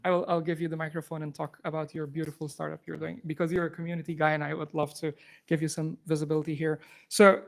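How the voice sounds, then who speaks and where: A chatty, upbeat Afghan software engineer presents an informal live tech demo to an audience in an event room, using a handheld or clip microphone. His voice is a little high, and he talks fast and keeps restarting.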